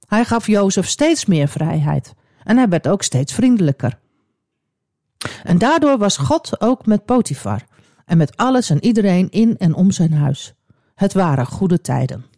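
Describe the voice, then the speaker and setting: A woman narrating a Bible story for children, expressive and speaking directly to young listeners. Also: on the low side, no echo, studio quality.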